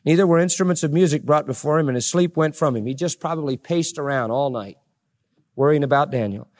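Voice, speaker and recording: High-voiced preacher reading scripture dramatically. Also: male voice, a little mellow. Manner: reads verses with dramatic slowing and rising voice, then chats plainly. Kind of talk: sermon, reading scripture aloud.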